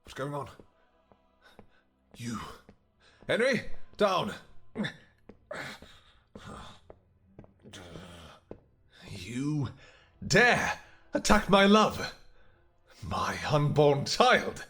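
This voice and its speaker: A man's voice: on the high side, big pitch swings, very slow, pauses often, fairly bright tone, soft background music, voice pushed up, heavily acted. A man voicing a lovesick, possessive and menacing vampire king in a romantic fantasy audio roleplay, intense and dramatic. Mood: outraged. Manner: intense, dramatic, swinging from snarls to whispers.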